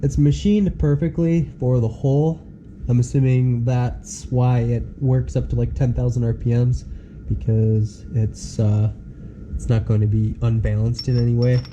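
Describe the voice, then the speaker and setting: A man with a nasal voice, stuffy from being sick, talks through his garage project in a casual, step-by-step way. His tone is mellow and relaxed, with faint noise behind him in a home workshop shed. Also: mid-range voice, unhurried, highs cut off. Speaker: host. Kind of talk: casual DIY car-build vlog.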